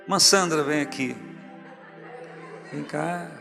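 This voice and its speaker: A man's voice: fairly high pitch, slow pace, gravelly, bright, forceful tone, in a large hall, soft background music. A Brazilian man preaching as pastor, jovial and teasing as he calls church members up to the front. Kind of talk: sermon. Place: large church hall, music underneath.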